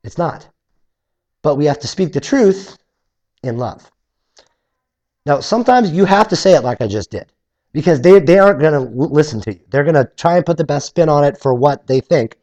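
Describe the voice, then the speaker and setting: A man's voice: a little high, moderate pace, long pauses, dull audio. A man preaching through a Bible passage in a conversational way, acting out the objections of listeners. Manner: animated, acts out objectors in voices; conversational, with restarts. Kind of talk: expository Bible teaching.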